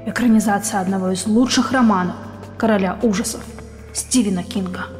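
Woman in a lowered, spooky scary voice. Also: a little fast, long reverb tail, loud music behind the voice. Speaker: book columnist presenting a regular segment. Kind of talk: scripted segment presentation.

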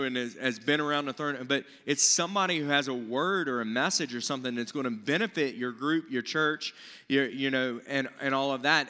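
On a church stage, with seated listeners and plenty of large-hall reverb, a man in his forties offers Bible teaching that is earnest yet casual and conversational. His pitch is mid-range and his tone sharp.

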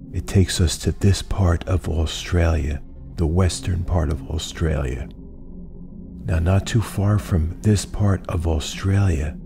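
A middle-aged man giving steady, measured scripted narration as a YouTube host, recorded in an indoor studio room facing a desk camera. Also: deep voice, creaky.

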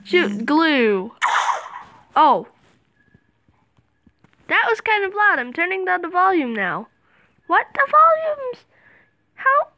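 A woman giving excited game commentary, dropping to whispers and jumping to shrieks. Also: very high-pitched, slow pace, pauses often, no room sound, low-quality recording. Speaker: gaming video host.

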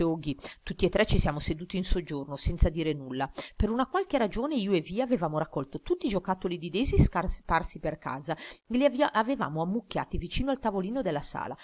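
A woman narrating an audiobook in a steady, even storytelling manner. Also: fairly low pitch. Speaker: audiobook reader.

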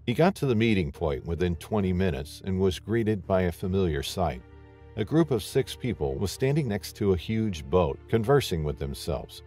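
Man, deep low pitch, scripted narration, dramatic storytelling, faint music behind. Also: a little mellow.

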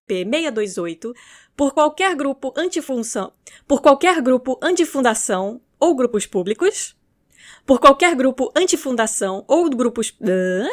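A Brazilian woman with a Brazilian Portuguese accent, who narrates horror fiction records, reads scripted narration in outtakes and slips into casual, self-mocking muttered asides. Her voice sits high and is very animated, delivered a little slowly.

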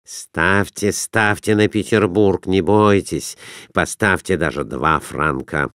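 A man voicing a calm middle-aged captain who gives quiet, persuasive advice. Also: low-pitched, takes it slowly, no room sound, studio quality, voice pushed down. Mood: coaxing.

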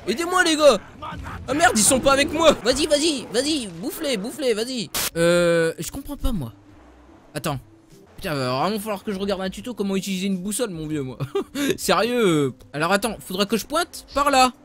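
A young man streaming games, joking loudly, swearing and talking to his viewers. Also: sits high, expressive, brisk. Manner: loud, joking, swearing often, talks to chat. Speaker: gaming streamer. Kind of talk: excited live gameplay commentary.

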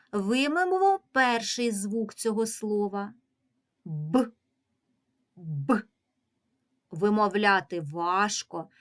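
A woman teacher speaks slowly and patiently to young children in an early reading lesson. She stretches and over-articulates each syllable and sound so the little ones can follow, in a voice of middle pitch.

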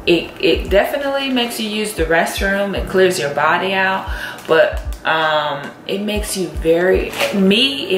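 A young woman talks in a relaxed, chatty way as she works through her morning routine at home. Her voice sits fairly low. The kitchen sounds echoey, and loud music plays underneath. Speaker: vlogger. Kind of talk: casual kitchen vlog. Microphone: camera on the counter.

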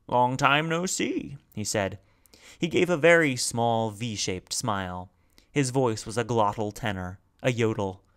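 A man narrating a novel aloud at a measured, steady pace. He reads expressively, shaping each sentence with care. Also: mid-range voice. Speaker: audiobook reader. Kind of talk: scripted narration.

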